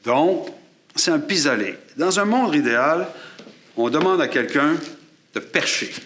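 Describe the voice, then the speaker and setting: At a filming-ready studio table, a male instructor of photography and sound from Quebec explains and shows off microphones to his class, demonstrating as he speaks. He sounds animated and unhurried, with a fairly bright tone, and a boom-mounted shotgun mic above him is aimed at his chest.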